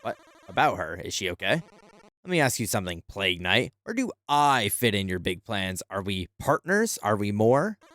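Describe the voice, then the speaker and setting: Brief: a sharp-tongued young alchemist woman from a game, read by a man in his own low, dry voice, mocking and a little hurt. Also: sing-song, normal speed, dry recording. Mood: probing.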